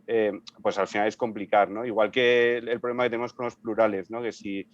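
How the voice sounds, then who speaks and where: A man's voice: lowish voice, little pitch movement, fairly quick, no echo. Man, casual panel talk, restarts his sentences, slightly dull lo-fi sound. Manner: thinking aloud with frequent restarts. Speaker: panel guest.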